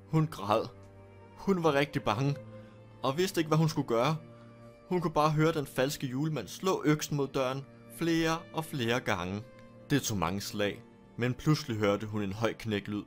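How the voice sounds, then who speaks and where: A man narrating a scary story in a steady, deliberate storytelling manner. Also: medium pitch. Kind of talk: scripted horror story narration.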